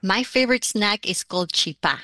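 A woman, speaking at an ordinary pitch. She answers interview questions casually and descriptively, with a light dry humour. The sound is close and dry, with no room around it. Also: expressive, a little fast, sharp tone, no echo. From Argentina. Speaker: listener interviewee.

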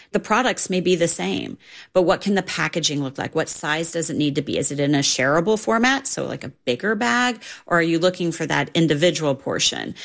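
A woman's voice: sits low, creaky. A woman commenting on the snack industry in a chatty way, with lots of "like" and "right?". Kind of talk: casual interview.

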